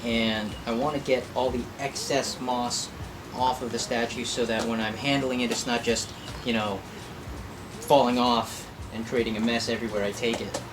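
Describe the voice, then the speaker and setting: With background noise behind him, a man speaks in a level, mid-range voice at a moderate pace. He hosts a hobby video on crafting and painting, chatting informally and self-deprecatingly about the project.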